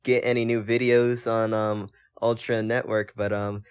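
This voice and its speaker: A man's voice: on the low side, level tone, unhurried, clear, resonant tone. A young man hosting a casual podcast chat over a voice call, hesitant, with many ums and laughs. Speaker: podcast host.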